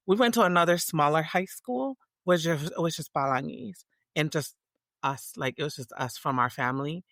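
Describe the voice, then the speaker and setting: A woman's voice: low voice, a bit bright, no room sound. Reflective Tongan-born woman, dry sound. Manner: reflective, many restarts and fillers. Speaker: guest. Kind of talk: casual interview conversation.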